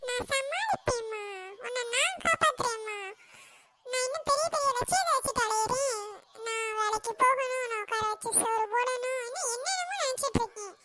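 A woman's voice: very high-pitched, animated, brisk, sharp tone, exaggerated voice. A woman voicing a boastful, jumpy young adult daughter in a cartoon, whiny and pleading one moment and full of big boasts the next. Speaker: cartoon character.

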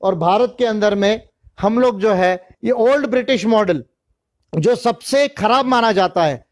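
Man lecturing, fairly high voice. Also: unhurried. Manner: explanatory, reads out long lists; mixes English phrases into Hindi. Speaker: speaker on electoral reform. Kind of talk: lecture-style talk.

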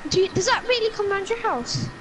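A gamer from England chatting with slang and repeated calls during a match. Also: female voice, very high voice, lively intonation, fast talker, slight background noise, rough recording. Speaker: gamer teammate. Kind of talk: casual gaming chat. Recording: loud game audio behind.

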